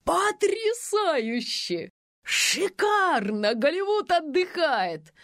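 A woman voicing a bossy young male film director who yells orders on set. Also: extremely high pitch, big pitch swings, very slow, dry recording, studio quality, voice pushed up, exaggerated voice. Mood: ecstatic. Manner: yelling, barking orders.

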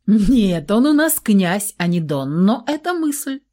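A woman's voice: mid-range voice, big pitch swings, slow pace, mellow, voice pushed up. A woman reading aloud and voicing a playful younger vampire brother who teases cheerfully. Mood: teasing. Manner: teasing, cheerful.

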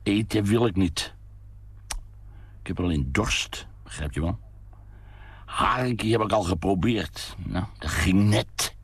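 A rambling, melancholy drinker of about fifty, as a man reads him out, mumbling and humming in a very deep, gravelly, husky voice. He drifts from thought to thought at a slow, unhurried pace. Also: no room sound, exaggerated voice. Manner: mumbling, hums to himself, rambling. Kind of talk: read-aloud short story.

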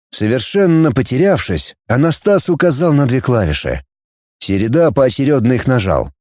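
Male audiobook narrator, lively pitch, dramatic read, dry close mic. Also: no echo. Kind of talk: scripted narration.

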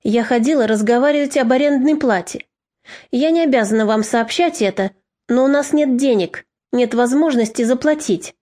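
A woman's voice: fairly high pitch, normal speed, warm tone, natural voice. Woman reader doing a bitter mother, snapping and curt. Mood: harsh. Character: bitter harsh mother, middle-aged woman.

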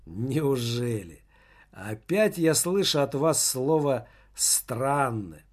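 A man reading an audiobook, voicing a manipulative company boss who speaks with calm foreboding. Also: mid-range voice, slow pace. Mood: ominous. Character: ominous corporate boss, manipulative and assured.

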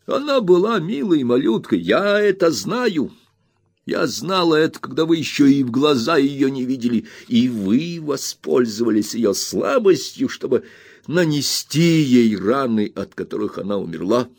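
A man reading aloud, voicing a stern and indignant elderly aunt who scolds in slow, emphatic phrases. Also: mid-range voice, sing-song, creaky, darkish tone, no room sound, full character voice. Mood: indignant scolding.

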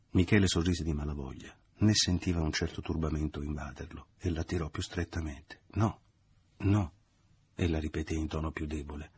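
A man narrating a literary novel as an audiobook, in a measured, even reading. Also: rumbling low, breathy edge.

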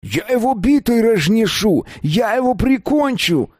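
A man voicing a rough, threatening young male thug. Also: sits high, expressive, slow pace, a little mellow, no echo, clean studio sound, voice pushed up.

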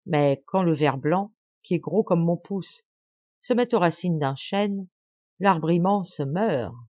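A woman reading a bitter, vengeful young man with a grave, measured, menacing delivery. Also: on the low side, dry recording. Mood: cold menace. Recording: dull dry lo-fi audio.

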